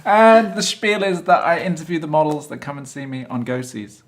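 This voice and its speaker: A man's voice: a little high, steady tone, normal speed. A man hosting an interview show, asking chatty and inquisitive questions with frequent interjections. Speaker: host, fashion photographer. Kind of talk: conversational interview.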